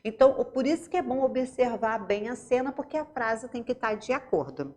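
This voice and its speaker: A woman's voice: fairly high pitch, expressive, moderate pace, darkish tone. A woman teacher with a Brazilian Portuguese accent, giving a remote lesson to young pupils, explaining step by step and asking checking questions.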